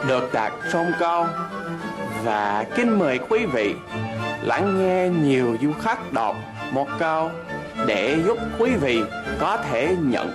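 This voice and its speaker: Lively, slow male TV presenter. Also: fairly high pitch. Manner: polite formal address to the audience. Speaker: segment presenter. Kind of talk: formal scripted narration.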